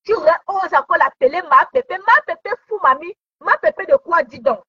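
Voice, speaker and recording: A woman's voice: very high voice, lively intonation, normal speed, bright, forceful tone. A woman giving heated commentary online, scolding someone with repeated taunting questions. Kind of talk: heated social media commentary. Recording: dull lo-fi sound.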